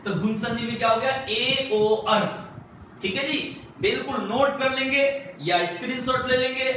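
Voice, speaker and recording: A man's voice: extremely high pitch, a little fast, pushed and bright, a little hiss or hum. A man teaching Hindi grammar as a classroom lecture. He keeps asking questions and answering them himself, and he stretches out single sounds as he spells words. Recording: echoey room, far from the mic.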